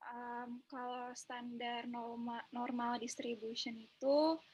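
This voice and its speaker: A woman's voice: on the high side, level tone, takes it slowly, a little mellow, husky, highs cut off. A young woman student answering in class, sounding hesitant and tense. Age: young adult.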